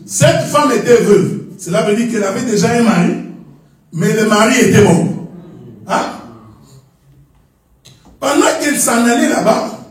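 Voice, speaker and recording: A man preaching a sermon, animated, repeatedly asking the congregation whether they follow him. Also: high-pitched, a little slow, pauses often. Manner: animated, calls out to congregation for responses. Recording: echoey hall, mic at a distance.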